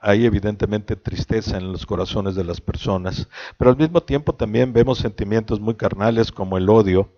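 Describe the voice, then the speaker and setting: A man with a low, mellow voice reads scripture steadily and then preaches in a slow, reflective way. The recording is dull and lo-fi. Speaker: pastor. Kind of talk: sermon with scripture reading.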